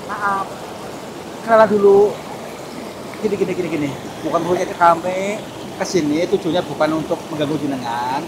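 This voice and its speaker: Over a heavy rumble of outdoor background noise, a mystic vlogger whispers his ghost-hunting narration. His high voice is anxious and begging, his pace ordinary yet broken by many pauses, and he says the same words over and over.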